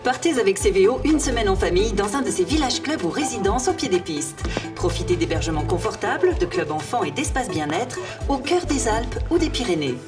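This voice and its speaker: A woman's voice: medium pitch, very animated, fairly quick, hardly any pauses. A woman reading a scripted promotional voice-over describing prizes. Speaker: prize announcer. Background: music.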